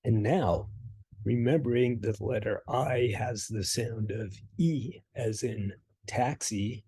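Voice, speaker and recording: Man, language tutor voice-over: slow, gravelly, deadpan wit. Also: lowish voice. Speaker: language teacher. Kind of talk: scripted narration.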